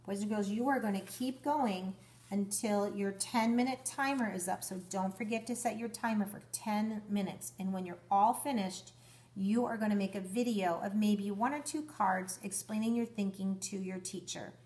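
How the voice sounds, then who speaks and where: A woman's voice: mid-range voice, normal speed, darkish tone. Woman teaching young children step by step. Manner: simple step-by-step explaining with guiding questions. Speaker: primary school teacher. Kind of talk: instructional demonstration for young children.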